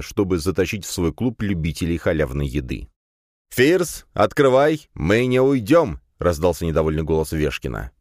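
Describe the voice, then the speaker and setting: A man's voice: low voice, darkish tone, no echo, clean studio sound. A man reading an audiobook in the first person, with a wry, grumbling delivery. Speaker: audiobook narrator.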